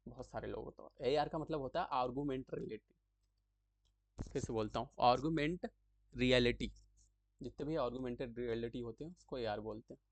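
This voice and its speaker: Male tutorial host, mid pitch, chatty and repetitive, close dry mic. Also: a little mellow, dry recording. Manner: chatty, repeats terms slowly, frequent "thik hai" check-ins. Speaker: tutorial creator explaining acronyms. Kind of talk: casual explanatory lesson.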